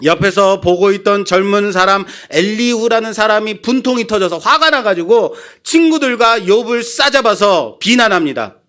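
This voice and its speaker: A male pastor preaching a sermon in an animated, dramatizing way, often putting questions to the congregation in a church. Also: high-pitched.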